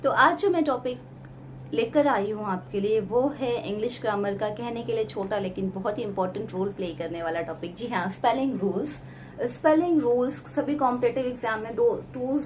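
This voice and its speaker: A woman's voice: on the high side, normal speed, roomy sound, a little hiss or hum. A woman teaching English grammar for exam preparation, explaining step by step and asking the class questions as she goes. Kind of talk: exam-prep lesson.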